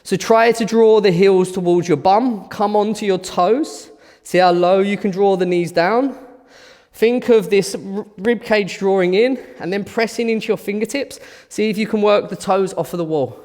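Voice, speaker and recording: In a large hall, a fitness instructor with a high-pitched, darkish voice talks at a moderate pace while guiding a class through handstand conditioning. He cues moves as he demonstrates them and is out of breath at times.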